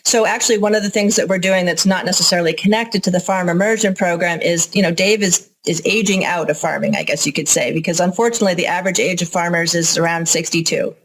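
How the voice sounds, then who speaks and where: A woman's voice: lowish voice, fast talker, hardly any pauses, low-quality recording. A woman with an American accent speaking as an interview guest, informal and candid as she explains things. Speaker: interview guest, organic farmer and educator. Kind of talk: conversational interview answers.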